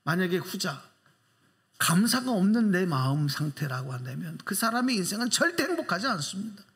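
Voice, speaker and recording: A man preaching a sermon as pastor in a church, emphatic, pressing the congregation with rhetorical questions and swinging his pitch widely for emphasis. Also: sing-song, brisk, a bit bright.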